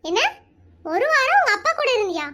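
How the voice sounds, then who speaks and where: A naive cartoon boy full of questions, voiced by a performer. The voice is pitched extremely high, with a fast, bright chatter. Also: sing-song, exaggerated voice. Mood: curious. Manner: curious, questioning. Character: curious young boy, naive. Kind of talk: animated comedy cartoon voicing.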